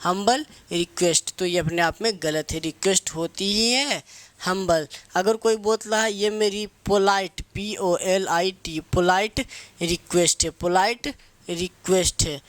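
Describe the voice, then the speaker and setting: A man with a high, slightly slow and somewhat bright voice, recorded with no room sound, teaches English grammar to competitive exam students. He drills terms by posing questions and answering them himself, slipping English phrases into his spoken Hindi.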